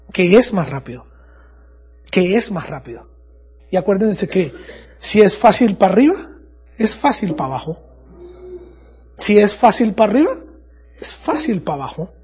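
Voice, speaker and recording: Male motivational speaker, high voice, husky, emphatic repeater. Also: a little mellow. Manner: emphatic, repeats phrases, addresses audience. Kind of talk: motivational business talk.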